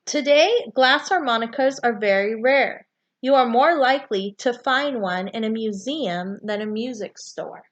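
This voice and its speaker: In a high voice, a woman reads from a children's nonfiction book, narrating for young listeners at a measured pace. The recording sounds muffled.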